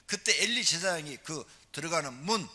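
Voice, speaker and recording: A male pastor preaching a sermon in a church sanctuary, retelling the story with animated flair and asking the congregation to respond. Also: on the high side, brisk. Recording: long reverb of a church hall.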